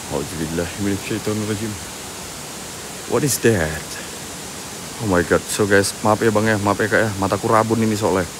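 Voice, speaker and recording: A man hosting a live ghost-hunting stream, chatting and joking with viewers and dropping into low murmured prayers, outdoors at night near a waterfall. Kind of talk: live-stream exploration commentary. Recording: loud outdoor background noise.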